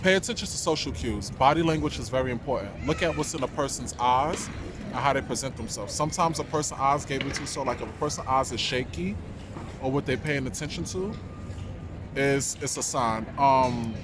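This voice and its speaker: Male interviewee, New York accent, casual and reflective, mid-pitched voice, recorded outdoors with clear city noise. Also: brisk. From New York, United States. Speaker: interviewee, dancer and actor.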